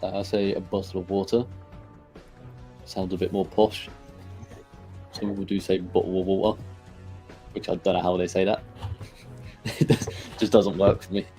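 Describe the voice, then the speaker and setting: Male streamer, low mellow voice, laid-back and rambly, faint music underneath. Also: moderate pace, long pauses. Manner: relaxed, rambling, hesitant with frequent fillers. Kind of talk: casual live-stream chat, answering viewers.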